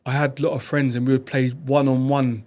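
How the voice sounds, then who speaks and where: Animated man telling stories. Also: mid-range voice. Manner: animated, quick bursts with trailing restarts. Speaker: podcast guest. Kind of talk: reflective conversational storytelling.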